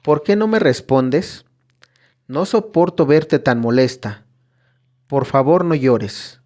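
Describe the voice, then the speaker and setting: A man voicing a frightened young female visionary, reading her pleas slowly. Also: fairly high pitch, expressive, a little mellow. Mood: pleading.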